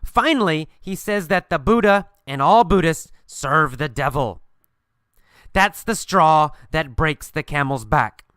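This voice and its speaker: A man teaching English by telling a first-person story, slowly repeating phrases for learners. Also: on the high side, lively intonation, fairly bright tone, clear, resonant tone, no echo, studio quality. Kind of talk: storytelling lesson.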